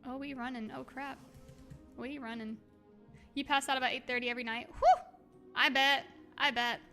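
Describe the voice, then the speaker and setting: On a game livestream, a woman reads out messages in a high voice at a moderate pace, chatting casually. Her manner is expressive, full of exclamations and affectionate gushing. By her own account she sounds slightly hoarse, and music plays in the background.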